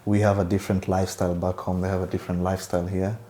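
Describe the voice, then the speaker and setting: A man from Kenya gives slow, considered answers in a podcast chat. His voice sits low. The room is echoey. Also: flat delivery, mellow. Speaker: podcast co-host.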